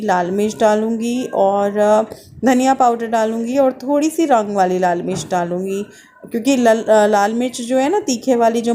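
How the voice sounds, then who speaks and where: A woman's voice: mid-range voice, warm tone, a little hiss or hum. A middle-aged woman from North India narrating a casual home vlog, chatting and explaining each step while she cooks. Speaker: vlogger. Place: home kitchen.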